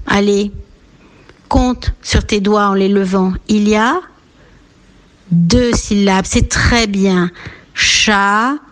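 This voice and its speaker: A woman teaching a radio lesson for young children, speaking gently with encouraging leaps in her voice. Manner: slow, gentle, lilting teacher voice with big pitch leaps to encourage. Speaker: preschool teacher.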